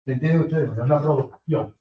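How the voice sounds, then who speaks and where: Older professor lecturing in a hall. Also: male voice, a little high, quick pace. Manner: lively, rhetorical questions to the audience. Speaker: university professor. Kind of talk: university lecture. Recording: distant, roomy, muffled lecture hall recording.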